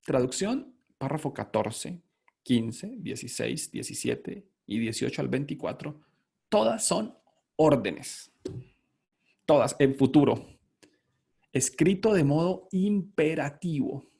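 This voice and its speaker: A man's voice: fairly high pitch, sing-song, slow, vocal fry, mellow, slightly rough. A man from Colombia giving a conference lecture on auditing standards, emphatic, repeating key words and asking and answering his own questions.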